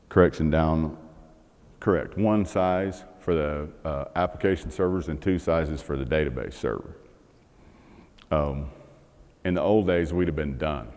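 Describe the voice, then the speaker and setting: Middle-aged male presenter, very low voice, casual delivery, long hall reverb. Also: a little mellow. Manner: conversational, many fillers and restarts. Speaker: conference speaker. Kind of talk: technical conference talk. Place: large conference hall stage.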